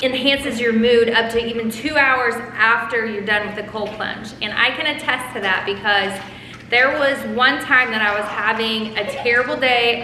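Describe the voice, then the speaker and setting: Bright and pushed, with a fairly high pitch, this woman's voice fills an echoey room carrying a little background noise. She runs a family vlog and eagerly walks her audience through things in a relaxed style.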